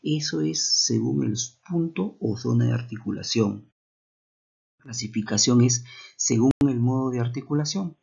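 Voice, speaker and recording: A man's voice: medium pitch, normal speed, gravelly, darkish tone, breathy edge. A man teaching a recorded lesson, explaining patiently and often stopping to check that listeners follow along. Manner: explanatory, with frequent rhetorical checks. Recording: muffled lo-fi recording.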